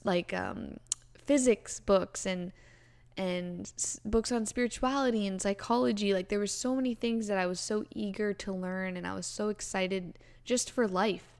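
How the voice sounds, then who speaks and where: A woman's voice: mid-range voice, a little mellow. A woman in her twenties hosting a casual solo podcast, talking earnestly and rambling with lots of "like" and "you know". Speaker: podcast host.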